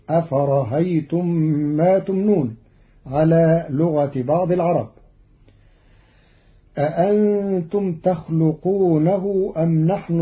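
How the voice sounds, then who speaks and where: A man presenting a formal radio lesson on recitation variants, measured and precise. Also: a little high. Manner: measured and precise, carefully enunciating each word. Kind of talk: formal didactic explanation. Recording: dull lo-fi archival radio recording.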